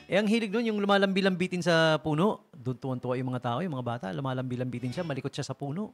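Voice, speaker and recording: In a radio studio, a Filipino DJ tells jokes chattily and laughs at his own punchlines. He talks fast in a fairly high voice, with faint music behind him.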